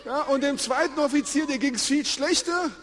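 A man telling a lively story to children, acting out the scenes and getting them to join in. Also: extremely high pitch, moderate pace. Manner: animated, acts out scenes and gets the audience to join in. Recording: long reverb of a large hall.

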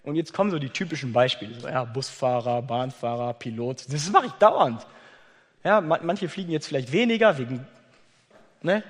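A man preaching a sermon, chatty and lively, talking straight to the congregation and reading a story aloud. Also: mid-range voice, normal speed, husky, in a large hall. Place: church.

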